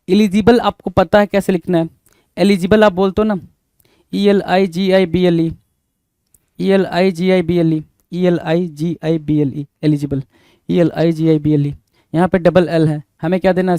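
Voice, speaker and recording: A man's voice: a little high, mellow, no echo. A male teacher spells words letter by letter, repeating each one and marking the correct answer as he calls out to his students. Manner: brisk, addresses students as "bhai". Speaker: English teacher.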